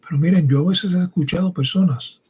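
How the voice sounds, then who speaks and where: Warm and husky, this man's high-pitched voice moves a little fast through a teaching sermon built around scripture. He grew up speaking both English and Spanish, and his emphatic, instructive preaching is punctuated by quick rhetorical check-ins.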